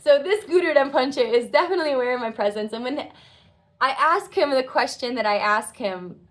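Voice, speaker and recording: A woman's voice: sits high, lively intonation, fairly quick. A woman in her twenties telling a personal story in an earnest, heartfelt, reflective way. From United States. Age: 20s. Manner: earnest, heartfelt, reflective, acts out quoted dialogue. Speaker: vlogger.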